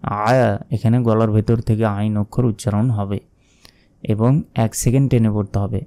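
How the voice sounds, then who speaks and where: A man with a Bangladeshi Bengali accent teaching correct Quran recitation, explaining slowly and deliberately with drawn-out chanted examples. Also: fairly low pitch, fairly even intonation, mellow. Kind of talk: religious recitation lesson.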